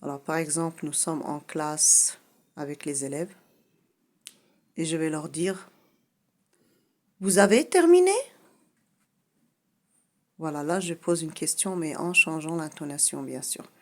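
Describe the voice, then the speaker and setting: A woman teaching a French grammar lesson, explaining patiently and repeating her key points, often pausing on "voilà". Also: deep voice, steady tone.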